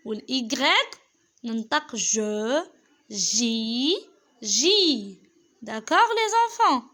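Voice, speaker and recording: Slow high-voiced woman teaching children French. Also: pushed and bright. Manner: patient, slow, repeats each point for children; switches between French and Arabic. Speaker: primary school French teacher. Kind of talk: children's French lesson explained in Algerian Arabic.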